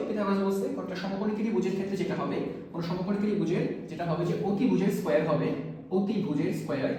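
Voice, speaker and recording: A math teacher, giving a lesson, quizzing students with quick questions and repeating key terms. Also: medium pitch, warm tone, a little hiss or hum. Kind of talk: classroom-style math lesson. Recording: very echoey room, voice far from mic.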